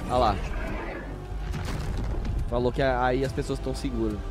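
A Brazilian man hosting a reaction video, chatting casually and bursting into excited exclamations and shouts. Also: medium pitch, moderate pace, over music.

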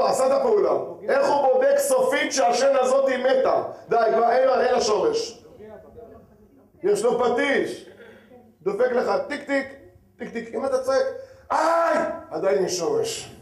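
A man, a rabbi giving a lively lecture who keeps asking his audience questions and swings between loud and hushed. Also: sits high. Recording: echoey hall.

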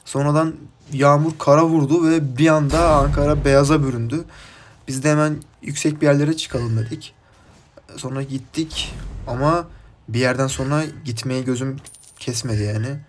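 A man from Turkey commenting casually on his mobile game match, chatty and rambling from topic to topic, with bursts of excited shouting at his teammates. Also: on the high side, moderate pace, slight background noise. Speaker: gaming YouTuber.

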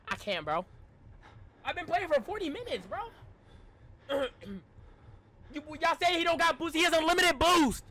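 A young adult man reacts to a horror game on a casual live stream, chatting with viewers in slang and pleading in exasperated, repetitive bursts. His high-pitched, sharp voice sounds strained, as if he's losing it, and he clears his throat frequently. Slight background noise is present.

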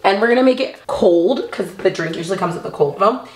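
Talking casually to camera in her echoey kitchen with soft music in the background, a young woman vlogs about lifestyle in a bubbly, chatty way. She uses a medium-pitched, expressive voice, talks a little fast, and calls viewers babes and honey.

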